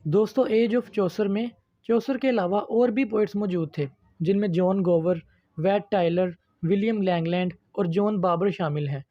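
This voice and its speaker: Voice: mid-range voice, moderate pace, no echo, dull audio. An online literature lecturer giving a patient, step-by-step video lesson and addressing viewers as friends.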